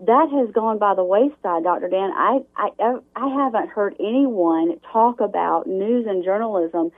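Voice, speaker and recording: A woman's voice: mid-range voice, unhurried. A woman who hosts a morning radio show, a guest on a talk show, speaking emphatically in long run-on sentences. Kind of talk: talk show interview over the phone. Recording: tinny phone line.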